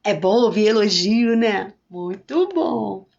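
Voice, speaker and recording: Uma pastora falando numa live devocional, conversando à vontade e cumprimentando os espectadores pelo nome. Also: female voice, mid-range voice, animated, slow pace, vocal fry, a little mellow, lo-fi sound. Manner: talks chattily and greets viewers by name. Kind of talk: live-streamed devotional talk.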